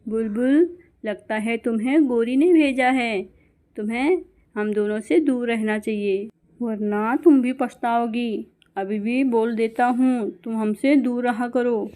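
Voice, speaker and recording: A woman's voice: on the high side, slow, warm tone. A woman voicing Kalu, a harsh male crow who is angry at his wife. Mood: threatening. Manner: curt, dismissive.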